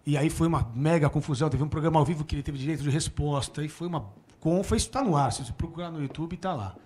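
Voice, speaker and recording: A man in his forties with a Brazilian Portuguese accent, telling stories in a casual, animated way and laughing often. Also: fairly high pitch, fast. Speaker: guest. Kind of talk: casual storytelling. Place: small room before a small audience.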